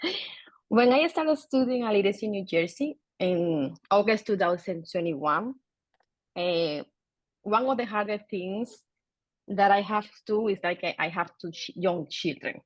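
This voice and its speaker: A woman's voice: medium pitch, animated, unhurried, no echo. A woman from the Dominican Republic answering on a panel, speaking directly and simply with some slips. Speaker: panelist, former adult learner.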